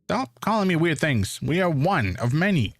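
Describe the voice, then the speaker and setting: A man voicing a tiny, cheeky ant from a hive mind in a squeaky little voice, as he reads a fantasy game aloud. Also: sing-song, moderate pace, no room sound. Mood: indignant. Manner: cheeky, defensive, talks of itself as we. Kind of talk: voicing a game character while reading aloud.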